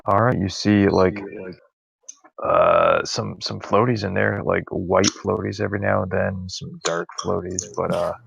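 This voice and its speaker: A man's voice: deep voice, lively intonation, measured pace, gravelly, slightly rough, no echo, rough recording. A man narrating as game master in a laid-back, drawling way. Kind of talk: narrating a tabletop game over voice chat.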